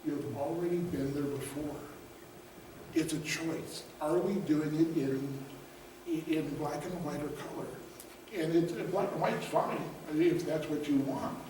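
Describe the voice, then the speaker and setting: A man's voice: fairly high pitch, fairly even intonation, a little slow. A middle-aged man, a guest speaker, telling a motivational story in a conversational, humorous way and putting questions to the audience. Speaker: guest speaker, business coach. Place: event room before a live audience. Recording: roomy echo, distant mic, faint noise.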